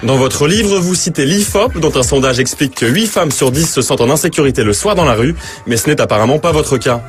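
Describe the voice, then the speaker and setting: A man's voice: a little high, animated, fairly quick. Man narrating a pointed TV portrait. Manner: crisp, pointed, lightly ironic delivery. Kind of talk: scripted voice-over narration. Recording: studio voice-over over music.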